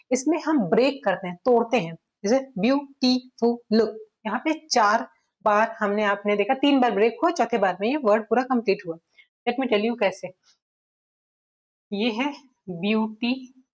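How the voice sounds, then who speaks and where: Higher-pitched woman teaching grammar patiently. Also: a little mellow. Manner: patient, repeats word forms aloud for drilling. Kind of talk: classroom-style explanation.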